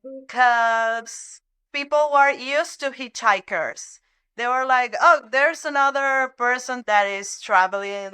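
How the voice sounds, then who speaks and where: A woman's voice: a little high, pushed and bright, smooth. A young woman with a Venezuelan Spanish accent, a podcast guest speaking English as a second language and sometimes searching for words. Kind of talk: conversational interview.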